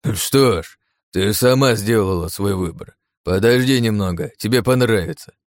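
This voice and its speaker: A man's voice: on the low side, normal speed, dry recording, natural voice. A man voicing a cruel, mocking red-haired male villain who taunts and gloats in an audiobook. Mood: menacing. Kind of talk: audiobook character voice.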